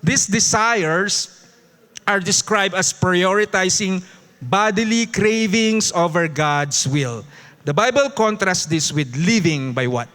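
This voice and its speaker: Filipino man, high voice, lively Bible study teacher who chuckles and calls on the congregation. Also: takes it slowly. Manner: lively, mixing English into Tagalog, with chuckles and audience prompts. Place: church.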